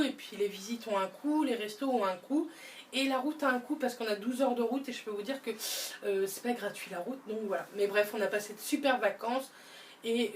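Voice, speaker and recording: A woman's voice: mid-range voice, recorded from a distance. A young woman chatting in a casual haul vlog as a beauty vlogger, enthusiastic and fond of repeating her words. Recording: voice a bit away from the mic, faint background noise.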